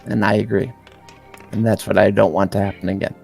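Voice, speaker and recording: A man's voice: fairly low pitch, little pitch movement, a little fast, creaky, darkish tone, faint music behind. A man talking during a tabletop game, blunt and matter-of-fact. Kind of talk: in-character role-play discussion.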